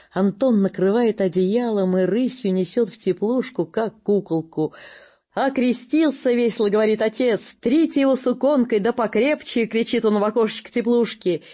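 A narrator reads a literary story aloud in an unhurried, storytelling way. The delivery is a plain, steady audiobook reading. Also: medium pitch, slightly rough.

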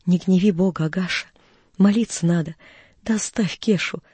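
Pious old grandmother read by a man, soft, soothing, mellow and husky. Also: sits high, moderate pace, dry recording.

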